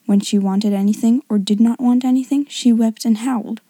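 Breathy woman narrating softly. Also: fairly high pitch, steady tone, fairly quick, dry recording. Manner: soft, half-whispered reading. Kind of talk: audiobook narration.

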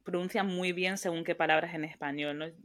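A woman from who hosts an interview podcast, telling stories in a lively way with quick asides. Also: on the low side. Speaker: podcast host. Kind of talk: casual conversation.

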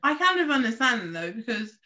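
A young Englishwoman co-hosting a casual podcast tells a story in a chatty way, frequently restarting her sentences. Her voice is a little high, bright, and forceful, very animated and fairly quick, captured on a slightly muffled lo-fi recording.

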